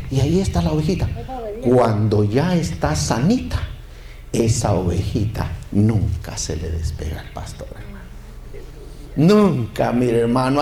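Lively preacher in an echoey church. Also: male voice, medium pitch. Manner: lively, calls to the congregation for amens. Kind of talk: sermon.

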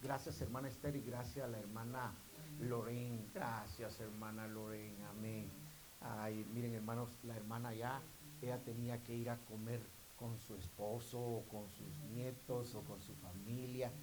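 A man preaching a sermon to his congregation, repeatedly calling out to them and rising into loud, emphatic bursts. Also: mid-range voice, level tone, a little slow, background noise.

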